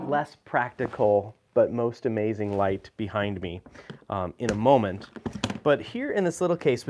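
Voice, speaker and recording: A man's voice: medium pitch, slight background noise. A man hosting a live video, talking casually about his gear, with frequent fillers and restarts. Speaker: host. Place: indoor room with lights.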